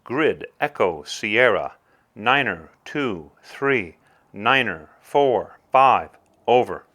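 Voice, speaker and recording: A man playing a sniper team spotter making a calm, clipped radio fire call in military procedure. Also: fairly low pitch, very slow, pitched below the performer's own voice, heavily acted. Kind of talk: scripted military radio role-play.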